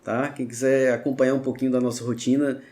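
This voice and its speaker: Man from guesting on a podcast, formal and thankful, mid pitch. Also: flat delivery, quick pace, a little mellow. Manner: polite, formal gratitude, short affirmations. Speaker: guest entrepreneur. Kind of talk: casual interview chat.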